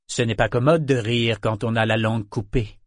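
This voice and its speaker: A man voicing a cold, controlling male pirate captain with a smooth, threatening manner. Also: medium pitch, fairly even intonation, moderate pace, dry recording, clean studio sound, natural voice. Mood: menacing.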